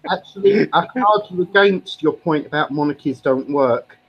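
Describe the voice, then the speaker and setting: Speaking at normal speed in a fairly high, slightly rough voice, a man from Britain lectures his live stream audience on politics. His casual argument is opinionated and full of "actually," and the audio sounds dull.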